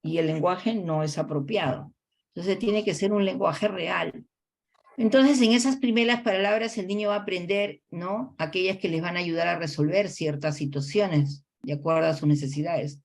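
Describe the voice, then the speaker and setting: A woman lecturer with a Peruvian Spanish accent, explaining child language development in a class, often ending phrases with a questioning "no?" and pausing on fillers. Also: fairly low pitch, creaky. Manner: explanatory, tags sentences with a questioning "no?"; frequent hesitation fillers. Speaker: college lecturer.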